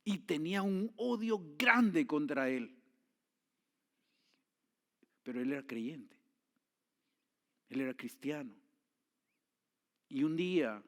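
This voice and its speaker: A man preaching a sermon, telling a story with swings from hushed tones to loud pleading. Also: mid-range voice. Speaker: pastor.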